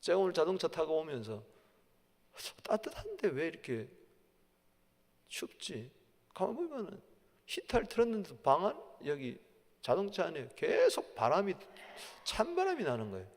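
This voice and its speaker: Dramatic high-voiced pastor, gravelly edge. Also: male voice, huge pitch swings, fairly quick. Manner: dramatic swings from hushed to loud and emphatic. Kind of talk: sermon. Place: church sanctuary. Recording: long church reverb.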